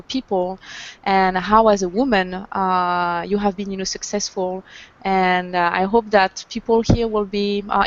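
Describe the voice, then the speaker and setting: Gracious woman host on muffled audio. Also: medium pitch. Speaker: interview host. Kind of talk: online interview conversation.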